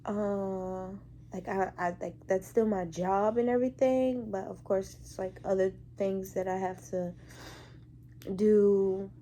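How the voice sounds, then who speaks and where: A woman's voice: medium pitch, fairly even intonation, slow, mellow, slight background noise. A young woman who works in hospital care, telling a story in a casual, colloquial vlog style.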